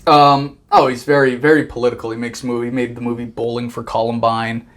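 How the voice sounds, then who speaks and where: A man's voice: medium pitch, little pitch movement, fairly quick, fairly bright tone. A man co-hosting a casual reaction chat, sarcastic and dismissive, cracking jokes. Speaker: co-host.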